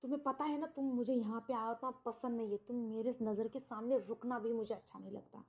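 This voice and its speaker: A woman's voice: on the high side, steady tone, fairly quick, a little mellow, natural voice. A woman storyteller voicing an angry older husband who orders someone out of his house. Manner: harsh, dismissive orders.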